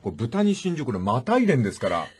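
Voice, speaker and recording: ハスキーで抑揚の大きい男性語り手. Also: male voice, medium pitch, huge pitch swings, fast, husky. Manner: acts out the voices in the stories he retells. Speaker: radio talk show host. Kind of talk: animated storytelling commentary.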